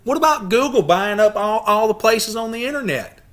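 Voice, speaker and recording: A man's voice: high-pitched, lively intonation, moderate pace, a bit bright. Emphatic man lecturing a study group. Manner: emphatic, asks the listeners rhetorical questions, frequent restarts. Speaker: YouTube channel host leading a study group. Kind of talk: lecture-style talk to a group.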